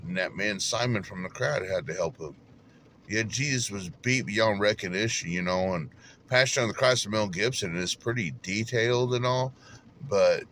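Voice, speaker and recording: A man's voice: sits low, a bit bright, a little hiss or hum. A man, telling folksy stories and preaching in a casual devotional talk. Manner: folksy storytelling, laughs at himself, preachy asides.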